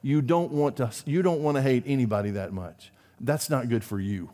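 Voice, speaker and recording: Preaching man in a reverberant hall. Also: normal speed. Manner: preacherly, rising to emphatic peaks then dropping low and quiet. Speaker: pastor. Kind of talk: sermon. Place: church sanctuary.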